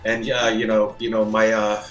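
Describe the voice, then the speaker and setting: A man's voice: fairly low pitch, completely flat delivery, muffled recording, soft background music. A man in his fifties chats on a casual podcast, hesitating and restarting often. His mid-range voice rings with roomy echo. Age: 50s. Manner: halting, many fillers and restarts. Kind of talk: casual chat.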